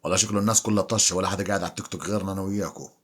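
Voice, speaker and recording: A man hosts a casual live stream. His voice sits low and sounds husky and a little breathy. He teases and banters with his viewers in an easy, offhand way. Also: fairly even intonation, rapid-fire. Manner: teasing, bantering. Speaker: livestream host.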